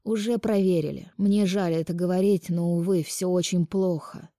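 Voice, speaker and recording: Calm grave male doctor read by a female narrator, measured delivery, dry close sound. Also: on the low side, no room sound, lightly acted. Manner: measured, sorrowful. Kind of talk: audiobook character reading.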